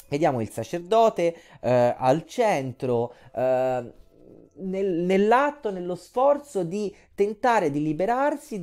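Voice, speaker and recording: Low, lively woman teaching art history. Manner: lively storytelling, speaks straight to students. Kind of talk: recorded lecture.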